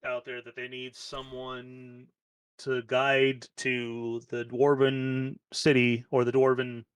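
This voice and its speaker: A man narrating a tabletop game as its game master, talking loosely and casually with plenty of fillers. His voice sits at a middle pitch and is recorded dry and close. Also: monotone, slow, clean tone, no echo.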